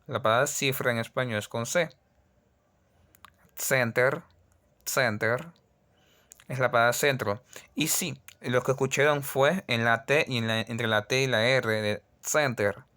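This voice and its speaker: A man teaching a language lesson, patiently repeating words and sounds slowly for learners. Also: mid-range voice, a bit bright, smooth.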